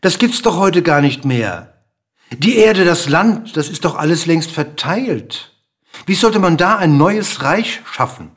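A man's voice: medium pitch, animated, measured pace, bright, forceful tone, breathy edge, heavily acted. A man voicing a puzzled king in a storybook reading, exclaiming in a dismissive way.

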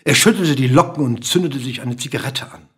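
A man narrating a story aloud in an expressive, lively reading manner. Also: mid-range voice, fairly quick, breathy edge.

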